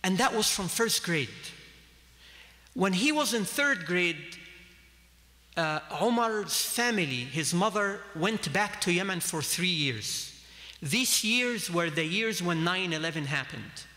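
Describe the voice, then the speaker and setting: A man's voice: sits high, lively intonation, slow pace, sharp tone. A man in his thirties from Egypt giving an earnest sermon at a lectern mic in a large mosque hall, gesturing as he speaks. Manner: earnest, gesturing with both hands. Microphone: standing mic at a lectern. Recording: long hall reverb.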